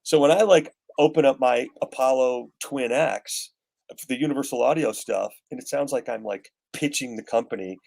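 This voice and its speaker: Gravelly man in his fifties. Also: mid-range voice, normal speed, a little mellow. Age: 50s. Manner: rambling, gear-nerd enthusiasm. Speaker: guest guitarist. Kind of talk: casual chat.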